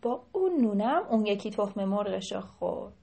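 A woman's voice: medium pitch, creaky. A woman telling a folk tale to children and speaking to them directly as she goes. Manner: lively, addresses the children directly. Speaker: storyteller.

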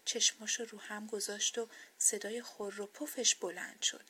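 A woman reading a children's bedtime story aloud, soft, gentle and expressive. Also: medium pitch, a little hiss or hum.

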